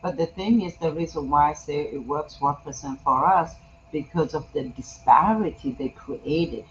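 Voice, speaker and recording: A woman's voice: sits low, moderate pace. A woman from Ethiopia, talking passionately and emphatically in a casual conversation. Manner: passionate, emphatic, frequent agreeing yeahs. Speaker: host. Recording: dull lo-fi sound with faint background noise.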